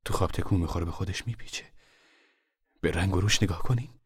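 A man voicing a weary, determined poor mother in a novel reading, low and hushed, sometimes forceful. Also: breathy edge, exaggerated voice.

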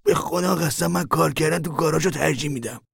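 A man voicing a resentful young man who complains, in a gravelly, raspy voice. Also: a little high, no room sound, clean studio sound, pitched above the performer's own voice, heavily acted. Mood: complaining.

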